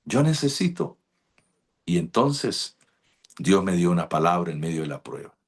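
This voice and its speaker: A middle-aged man preaching a sermon, telling a personal story and acting out his own pleas to God as his voice climbs high. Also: moderate pace. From Colombia. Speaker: pastor.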